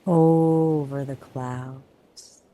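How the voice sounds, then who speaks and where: A man narrating a guided sleep hypnosis in a hushed, soothing manner, in drawn-out phrases with long pauses. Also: mid-range voice, fairly even intonation.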